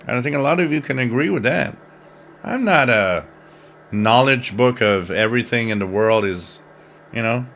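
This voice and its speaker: A man in his fifties hosts a live shortwave radio stream, chatting in a rambling, jokey way while reading out viewer comments. His medium-pitched voice is animated and fairly bright at a normal speed, with a slight hiss or hum in the background.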